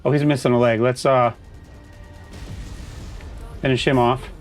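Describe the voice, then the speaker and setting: A man's voice: mid-range voice, fairly even intonation, a little slow, faint music behind. A man casually commenting on his own gameplay, chatting to himself as he plays. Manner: chatty, talks to himself while playing. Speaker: gaming streamer.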